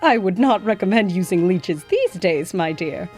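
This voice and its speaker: A woman's voice: lowish voice, lively intonation, normal speed, a little mellow, faint music behind, natural voice. A woman playing a gracious historical nurse who tells her life story in a genteel way, calling her listener "my dear". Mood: storytelling. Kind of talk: scripted educational acting.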